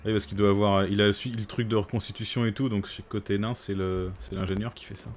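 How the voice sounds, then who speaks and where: Male gamer, lowish pitch, casual strategy commentary muttered while thinking aloud, slight noise behind. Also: flat delivery, fairly quick. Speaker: gaming streamer.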